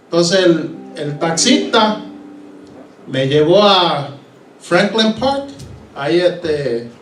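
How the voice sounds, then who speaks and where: Speaking very slowly in a sing-song, fairly bright voice on the high side, this man from Puerto Rico delivers a sermon testimony from a church pulpit. He voices characters and drifts into English, with a Puerto Rican Spanish accent. The distant recording echoes around the hall with a little hiss or hum.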